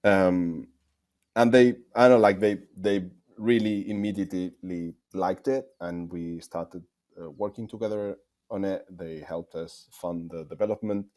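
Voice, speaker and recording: Speaking a little slowly with fairly even intonation, a game developer from Spain gives interview answers in a deep, slightly mellow voice and a Spanish accent. He's a guest who works through his thoughts aloud, frequently repeating words.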